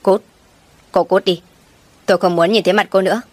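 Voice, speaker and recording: A woman's voice: mid-range voice, fairly even intonation, a little fast, darkish tone, no echo, close to an everyday voice. Woman reading a harsh young husband. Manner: curt and harsh.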